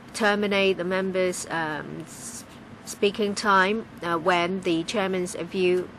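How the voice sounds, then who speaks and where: A woman giving live interpretation of a legislative debate, halting, with frequent pauses and restarts. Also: fairly low pitch, a bit bright, a little hiss or hum, rough recording. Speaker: simultaneous interpreter.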